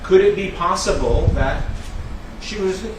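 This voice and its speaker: A man cross-examining a witness in court, asking pointed yes-or-no questions in a measured way. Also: sits high. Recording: very echoey, far from the mic, noisy.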